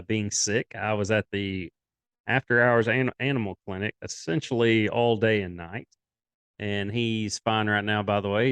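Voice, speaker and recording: A man's voice: lowish voice, clean tone, no echo. A young man co-hosting a sports podcast, chatting casually and rambling through his takes. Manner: rambling, animated, quotes others in put-on voices.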